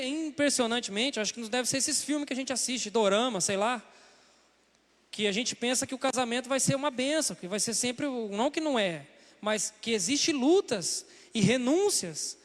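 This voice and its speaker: A young Brazilian man preaching a sermon in church, talking to the congregation in a conversational way and acting out the voices he quotes. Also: very high voice. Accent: Brazilian Portuguese. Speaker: pastor. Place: church sanctuary. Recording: long hall reverb.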